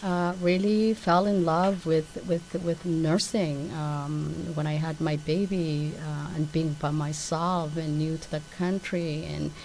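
Low-voiced middle-aged woman from Somalia. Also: fairly even intonation, takes it slowly, hardly any pauses, darkish tone, a little hiss or hum, poor audio. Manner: hesitant, many fillers and restarts. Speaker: guest, community nurse. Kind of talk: interview.

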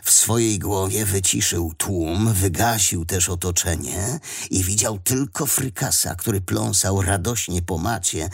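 A man reading a children's adventure story aloud as the narrator, with expressive storytelling. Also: sits low, a little slow, vocal fry, husky. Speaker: audiobook narrator.

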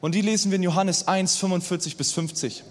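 A young male preacher gives a sermon in a casual, lively, conversational way, frequently asking his listeners a quick "oder?" His voice is fairly high. Each phrase trails off in a long hall reverb, with a little hiss or hum.

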